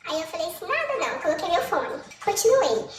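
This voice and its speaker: A Brazilian woman with a very high, quick voice tells her own story as a guest. She quotes the others as she goes. The room gives her voice a roomy echo. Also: sing-song, far from the mic, a crowd in the background. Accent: Brazilian Portuguese. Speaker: interview guest. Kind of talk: recounting a personal story.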